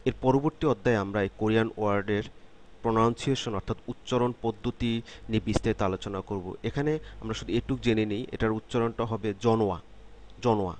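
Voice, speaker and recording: A man teaching a beginner vocabulary lesson, saying each word slowly several times and then explaining its meaning. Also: on the low side. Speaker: language teacher. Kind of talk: slow, repetitive vocabulary lesson.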